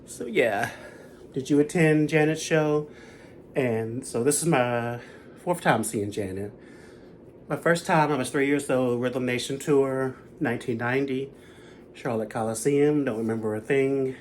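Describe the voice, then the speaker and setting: Guy in his 30s rambling about a concert he saw, casual vlog chat, mid pitch voice. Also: measured pace, a little hiss or hum. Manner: chatty, rambling fan recap. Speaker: concert vlogger.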